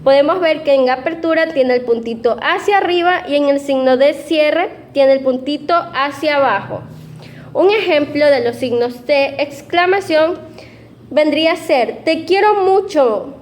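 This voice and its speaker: A woman's voice: high voice, measured pace, a little hiss or hum. A young woman giving a class presentation, explaining step by step with fillers and self-corrections. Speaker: student presenter.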